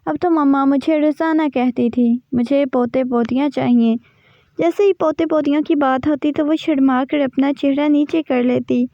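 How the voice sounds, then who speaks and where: A woman narrating a first-person story in a steady, even reading manner. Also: sits high, hardly any pauses, dry recording. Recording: dry, slightly dull recording.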